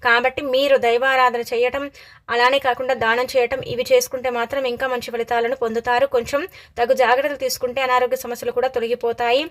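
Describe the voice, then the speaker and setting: Woman, astrologer, horoscope monologue, rapid delivery, monotone, advice-giving. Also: on the high side. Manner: steady advice-giving, frequent verbal fillers.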